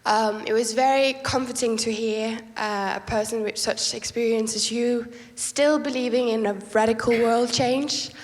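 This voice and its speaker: A woman's voice: a little high, fairly even intonation, normal speed, hardly any pauses. A young woman from Denmark, a first-year student, asks an earnest, hesitant question into a handheld mic in a large lecture hall. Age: young adult. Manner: earnest, hesitant with many ums. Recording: long hall reverb.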